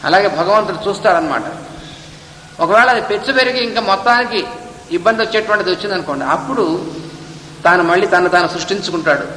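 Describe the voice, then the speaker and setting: A man giving a spiritual discourse, reading a text and then explaining it, sometimes chanting verses slowly. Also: high-pitched, bright, forceful tone, roomy sound, long reverb tail, a little hiss or hum, rough recording. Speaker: spiritual teacher. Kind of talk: Gita discourse.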